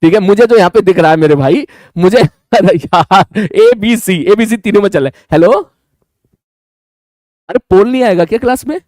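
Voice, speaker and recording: A man teaches a live online class, speaking quickly, repeating phrases, and often checking that students follow. His voice is high-pitched with a somewhat dark tone, captured in a dry, studio-quality recording.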